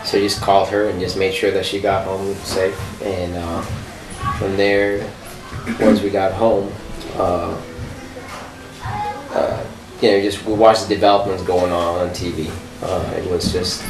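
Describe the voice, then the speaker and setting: A man from Sudan recalling his own past in a hesitant, casual way, with many fillers and restarts. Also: low voice. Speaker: interviewee. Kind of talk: personal recollection, casual storytelling. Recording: echoey room, mic far off, noisy.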